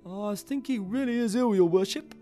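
A man's voice: high voice, moderate pace, mellow, faint music behind, voice pushed up, close to an everyday voice. A man doing a kindly, placating officer.

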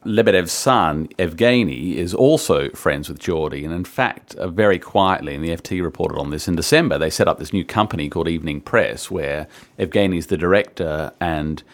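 A man's voice: sits low, moderate pace, few pauses. A man talking as a media journalist in casual chat, telling gossip in a knowing way.

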